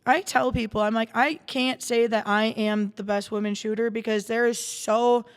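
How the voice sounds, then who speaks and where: A woman's voice: a little high, fairly even intonation, normal speed, clear, resonant tone, big-room sound. A woman guest in a podcast studio telling stories in casual chat, rambling with many restarts and fillers. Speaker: guest, salon owner and darts player.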